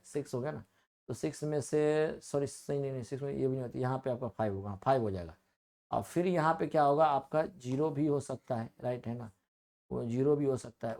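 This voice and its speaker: A male coaching teacher gives a math lecture in a classroom. He talks in a repetitive, coaxing way. He keeps asking the class questions and then answers them himself. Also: a little high.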